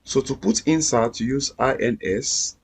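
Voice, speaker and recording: A man walks through a coding tutorial at an unhurried pace, repeating each step patiently. His voice is slightly husky, his pitch sits in the middle, and keyboard typing and clicks can be heard under his speech. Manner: patient, repetitive step-by-step explaining. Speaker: coding instructor. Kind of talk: screen-recorded coding tutorial.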